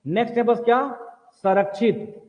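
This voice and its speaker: A man with a high-pitched voice leads an exam coaching class, firing short repeated questions and answering them himself. He keeps telling the students what to write down. The sound is thin and phone-like, with a long hall reverb. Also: normal speed. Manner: repetitive question-and-answer drilling; directs students to write notes. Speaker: teacher.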